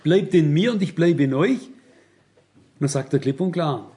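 A man's voice: fairly high pitch, animated, a little slow, warm tone. A middle-aged man preaching a sermon, emphatic and speaking straight to the congregation with rhetorical questions.

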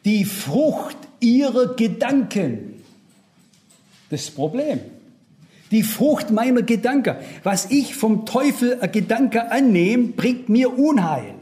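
A man's voice: very high voice, animated, unhurried, dark tone. A man preaching a sermon, earnest and emphatic, speaking straight to his listeners.

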